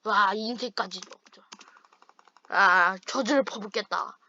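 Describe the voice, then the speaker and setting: Bright, teasing young gamer woman. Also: medium pitch, unhurried, dull audio. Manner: playful teasing trash talk. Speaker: gaming channel host. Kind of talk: casual chat while playing online with a friend.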